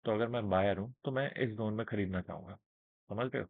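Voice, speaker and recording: A man teaching trading in a casual screen-share lesson, speaking slowly and checking in with his listeners often. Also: fairly low pitch, creaky, no echo. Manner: explains with everyday examples, checks in with listeners. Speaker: trading instructor. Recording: narrow phone-like band, dry.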